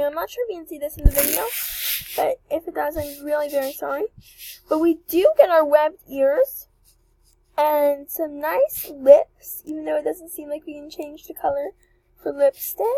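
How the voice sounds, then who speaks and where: Young woman host, high chatty voice, eager walkthrough tone, dry close mic. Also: dry recording, low-quality recording. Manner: chatty, excitable, apologetic asides. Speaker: channel host reviewing avatar creators. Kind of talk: casual screen-recording walkthrough.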